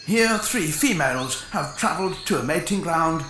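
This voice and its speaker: A man giving a mock-serious nature documentary narration in formal, measured phrases. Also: fairly high pitch, animated, bright, forceful tone, reverberant, slight background noise, rough recording. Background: music.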